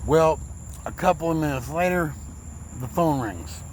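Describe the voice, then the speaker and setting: A man's voice: fairly high pitch, animated, measured pace, a little hiss or hum, low-quality recording. A man telling his own story in a rambling, emotional way, his speech slurred after a recent stroke. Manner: rambling, repeats words, emotional. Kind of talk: casual personal storytelling.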